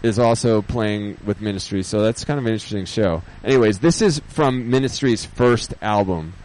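A man hosting a radio show as DJ, chatting casually off the cuff in a halting, rambling way, thinking aloud. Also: lowish voice, a little mellow, slight background noise, poor audio. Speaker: radio host and DJ.

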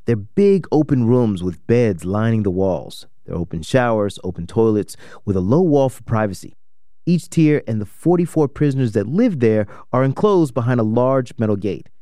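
A man's voice: mid-range voice, very animated, moderate pace, mellow, no room sound, studio quality. A man hosting an investigative radio program, reading scripted documentary narration.

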